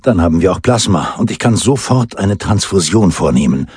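A calm male doctor speaks quietly and evenly, read by a male audiobook narrator. The voice is low and husky. The sound is dry and close. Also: normal speed, no echo, heavily acted. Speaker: audiobook reader.

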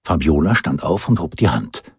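A man with a husky voice reading a crime novel as an audiobook, with measured storytelling delivery. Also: a bass voice, expressive, dry recording. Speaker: audiobook reader. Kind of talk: scripted audiobook narration.

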